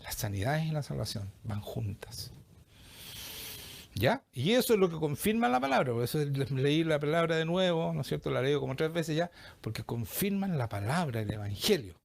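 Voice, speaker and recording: Male preacher, Chilean accent, highish and very expressive delivery, questions the congregation often. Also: moderate pace, creaky, slight background noise. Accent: Chilean Spanish. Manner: animated, acts out quoted voices, asks the congregation questions. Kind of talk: sermon.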